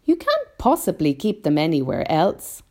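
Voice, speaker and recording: A woman's voice: sits low, huge pitch swings, normal speed, darkish tone, full character voice. A woman voicing a small, curious, polite boy in a storybook, earnest and full of wonder. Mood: incredulous. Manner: earnest, wide-eyed.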